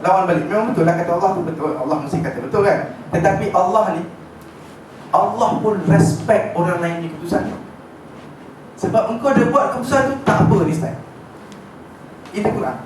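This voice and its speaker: A man with a Malaysian accent giving an informal religious lecture to a class, telling the story with lively energy and often checking that his listeners follow. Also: high voice, fairly quick, pauses often. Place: lecture room with an audience. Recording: echoey room, distant mic, background noise.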